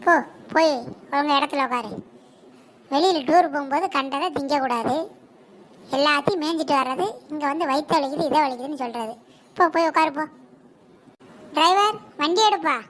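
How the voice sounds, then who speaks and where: A woman's voice: sits high, a little fast, pauses often, fairly bright tone, low-quality recording. A woman voicing a harried female school teacher in a cartoon, scolding pupils in a Kanyakumari Tamil accent. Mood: exasperated. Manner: exasperated, bossy scolding. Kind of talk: cartoon voice acting.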